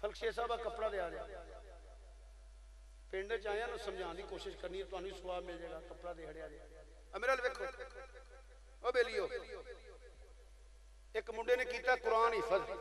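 Fiery high-voiced preacher with Punjabi accent. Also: male voice, a little fast, pauses often, a bit bright. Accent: Pakistani Punjabi. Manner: fiery and emphatic, urging the crowd to respond. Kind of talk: Punjabi religious speech to a crowd. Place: outdoor religious gathering. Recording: echoey live gathering, crowd audible. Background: crowd.

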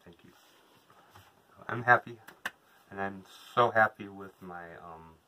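A vlogger in his thirties chats casually inside a small trailer to a camera a couple of metres away. His deep voice is unhurried with a sharp tone, and the recording is rough.

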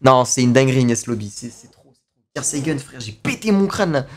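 Excitable young man hyping a stream. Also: mid-range voice, fairly quick. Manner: excitable, exclamatory, heavy slang, repeats phrases. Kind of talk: excited reaction stream commentary.

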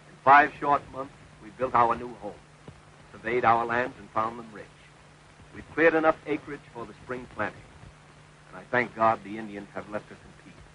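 An actor playing a calm, modest frontier settlement leader, speaking in an earnest, measured and reassuring way. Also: male voice, mid-range voice, slight background noise, natural voice, low-quality recording. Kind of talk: 1960s television drama acting.

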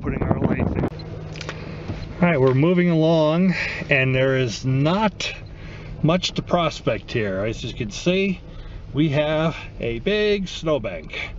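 A man with a slightly high voice talks easygoing and matter-of-fact as he hikes, filling his pauses with little ums. He is outdoors on a mountain at night, recorded on a camera mic. The sound is dull and lo-fi, with clear background noise. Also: animated. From United States. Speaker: mineral prospecting vlogger. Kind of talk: casual outdoor narration to camera.

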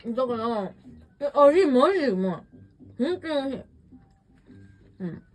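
A woman's voice: sits high, very animated, normal speed. A young woman chatting casually on a livestream while eating, rambling and answering viewer comments, recorded on a smartphone at home. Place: messy room at home.

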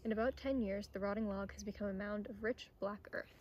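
This intern, a young woman, speaks in a mid-range, darkish voice at a fairly quick pace with fairly even intonation, and the audio sounds dull. She's reading a children's nature storybook outdoors on a forest trail. A nearby camera or phone captures her with clear outdoor ambient noise.

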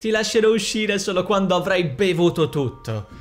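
Shrill nasty wicked sister done by a guy, mocking and mean, storybook baddie, high voice. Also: big pitch swings, measured pace. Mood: furious. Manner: mocking, menacing, shrill outbursts. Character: scheming cruel young woman villain.

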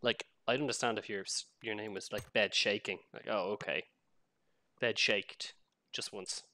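A man, co-host of a game stream, chatting casually in a rambling, joking way. His voice is low and bright. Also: steady tone, brisk.

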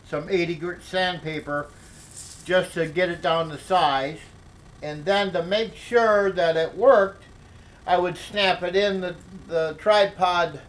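Older man, slow halting workshop tutorial, fairly high voice, camera mic at the bench. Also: low-quality recording. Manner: slow, halting explanation with many fillers and restarts. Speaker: DIY workshop instructor. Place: home workshop at a workbench.

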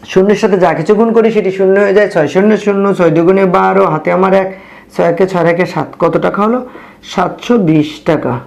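A man teaching arithmetic to young children, speaking softly and patiently, counting steps aloud and quizzing his students, with a Bangladeshi Bengali accent. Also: sits high. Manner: speaking softly on purpose late at night. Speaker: math teacher. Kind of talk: math lesson for young children.

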